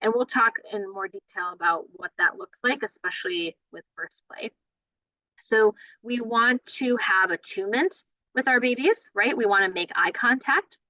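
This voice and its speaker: Female trainer with a bright, clear voice and an easy conversational teaching manner, recorded dry. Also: mid-range voice, normal speed, no room sound, highs cut off. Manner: conversational, many fillers and "right?". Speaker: play therapy trainer. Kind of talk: online training lecture.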